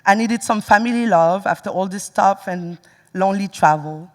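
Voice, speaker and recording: A woman's voice: medium pitch, moderate pace. A young woman giving a personal storytelling talk on stage, with many fillers. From Senegal. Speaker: speaker. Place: large music hall. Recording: long hall reverb.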